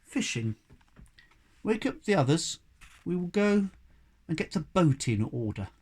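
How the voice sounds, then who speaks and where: A man's voice: on the high side, sing-song, a little slow, darkish tone, husky, pitched above the performer's own voice, heavily acted. Man doing a bossy pompous young Snork. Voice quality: pompous, commanding, sarcastic. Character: bossy self-important young male Snork.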